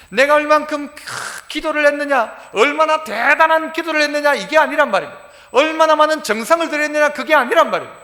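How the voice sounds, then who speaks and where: A male pastor preaching a sermon, animated and acting out dialect dialogue. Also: very high voice. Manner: animated, quotes dialogue in dialect, shouts for emphasis. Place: church sanctuary. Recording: church sanctuary with long reverb.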